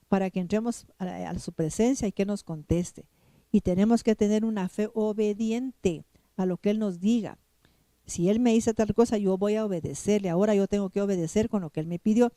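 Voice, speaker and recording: A woman's voice: medium pitch, mellow, dry recording. A woman pastor preaching a sermon, emphatic and repetitive, often putting questions straight to the congregation. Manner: emphatic, repeats phrases, questions the congregation directly.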